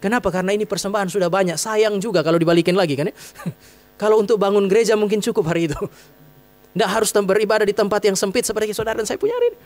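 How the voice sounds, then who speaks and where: Fast-talking high-voiced pastor. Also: male voice, lively intonation, darkish tone. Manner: conversational, humorous, with acted quotes. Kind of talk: sermon. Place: church hall.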